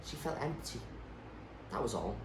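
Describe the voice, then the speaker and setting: Here a male teacher narrates a novel expressively, his mid-range voice swinging widely in pitch at a normal speed. The delivery is dramatic and emphatic, recorded in an echoey room with faint noise behind him.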